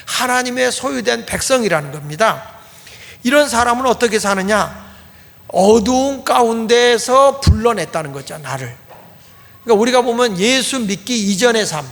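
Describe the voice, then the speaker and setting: A middle-aged man preaching a Sunday sermon as pastor, explaining in a plain way and repeating key phrases for emphasis. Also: sits high. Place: church sanctuary. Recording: long hall reverb.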